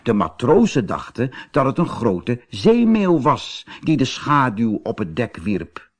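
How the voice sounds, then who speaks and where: A man reading a children's story aloud as narrator, slow and expressive. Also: mid-range voice.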